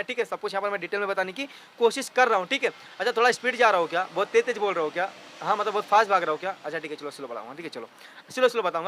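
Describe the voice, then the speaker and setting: A man's voice: high-pitched, pushed and bright, smooth. A young man teaching biology from a diagram, often checking if students have understood. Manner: keeps asking if students understand. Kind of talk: classroom lecture over a drawn diagram.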